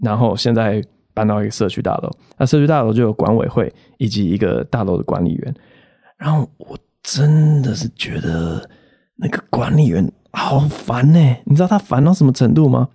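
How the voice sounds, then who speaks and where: A man's voice: mid-range voice, lively intonation, normal speed, dark tone, no room sound. A man, hosting a comedic solo podcast and telling exasperated, rant-like stories with quoted voices.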